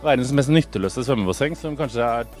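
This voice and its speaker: Animated and a little mellow, a young man's mid-range voice leads a playful, mocking tour of a villa for an entertainment show, with theatrical asides. He walks around talking into a handheld mic over soft background music in this comic house tour and studio chat.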